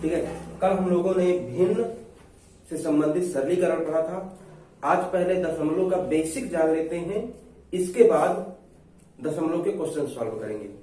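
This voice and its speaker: A man teaching a maths lesson, who asks his students questions, answers them himself and repeats rules slowly. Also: fairly high pitch, warm tone, faint music behind. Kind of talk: exam-prep maths lesson. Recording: echoey room, far from mic, faint noise.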